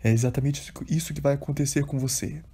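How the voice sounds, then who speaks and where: The devil taunts in a devotional audiobook, as a man reads his lines. The voice is dark, husky and plain, barely set apart from the narration. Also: mid-range voice, fairly even intonation, fast talker, lightly acted. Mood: taunting. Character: taunting devil, male spirit, menacing and sneering.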